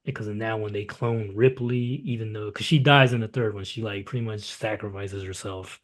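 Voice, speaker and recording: A man reviewing movies in casual chat, loose and profane, often trailing off into quiet asides. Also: lowish voice, steady tone, a little fast.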